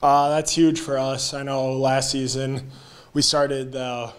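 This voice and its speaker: Young college player, flat even voice. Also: male voice, mid-range voice, slow. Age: young adult. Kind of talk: postgame interview.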